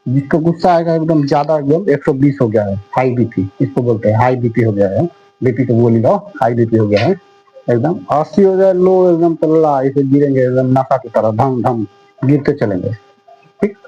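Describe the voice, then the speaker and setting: A man's voice: medium pitch, moderate pace, warm tone, breathy edge. A man teaching a class in a casual, repetitive way, asking questions and answering them himself. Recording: dull lo-fi sound with faint music.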